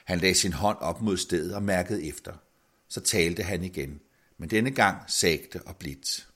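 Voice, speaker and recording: Male storyteller, low husky voice, lively fairy-tale narration.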